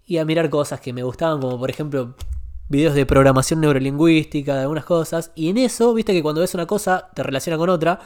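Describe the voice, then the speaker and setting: Animated young Rioplatense man telling a story. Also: on the high side, fast. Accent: Rioplatense Spanish. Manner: animated, confessional, repeats words for emphasis. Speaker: guest. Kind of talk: casual podcast storytelling.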